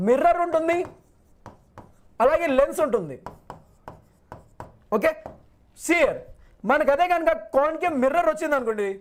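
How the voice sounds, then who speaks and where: A male physics teacher in a live online class who reassures his students, repeats every point and asks and answers his own questions. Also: very high voice.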